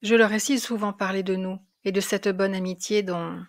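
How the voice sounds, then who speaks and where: A woman narrating a classic French short story in a measured, expressive storytelling voice. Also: mid-range voice. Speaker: reader of literary classics.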